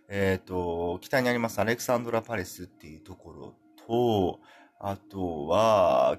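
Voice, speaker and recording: A man from talks on his solo podcast, his coming through in a fairly low, husky voice. His pitch swings widely as he rambles, pokes fun at himself and breaks into laughter. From Kumamoto, Japan. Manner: rambling, self-deprecating, laughs often. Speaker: podcast host.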